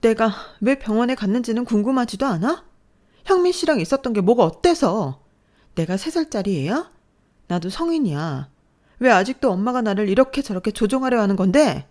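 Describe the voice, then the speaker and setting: A woman's voice: medium pitch, expressive, moderate pace, pitched above the performer's own voice, lightly acted. A woman voicing a distressed young adult daughter who pleads and lashes out at her mother in a dramatized story. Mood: distraught. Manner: pleading, tearful outbursts.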